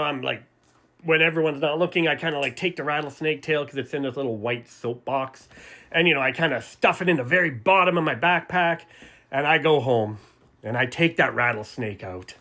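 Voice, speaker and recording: A middle-aged man telling a story to camera, with heavy swearing and lively acted-out bits. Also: medium pitch. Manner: profane, animated storytelling that acts out voices. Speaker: sobriety vlogger.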